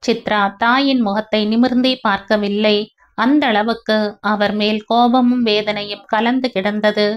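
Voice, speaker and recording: A woman storyteller giving scripted audiobook narration in an emotive, measured way. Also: mid-range voice, fairly even intonation. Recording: dull lo-fi recording.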